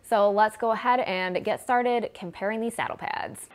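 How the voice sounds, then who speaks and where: Over loud music, a twenty-something vlogger with a Midwestern American accent gives a casual, talkative product review to camera. She uses a clip-on lapel mic and speaks at medium pitch and normal speed.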